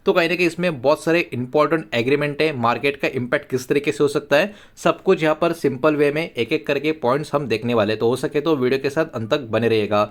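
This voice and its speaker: Higher-voiced Indian man explaining market news. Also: fast, few pauses. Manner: repetitive hedging catchphrases, point-by-point explaining. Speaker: finance news YouTube host.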